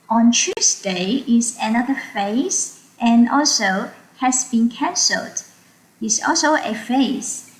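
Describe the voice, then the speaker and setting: A woman tutor running an online workshop, explaining test strategies slowly and checking in with her learners. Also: a little high, roomy sound, low-quality recording.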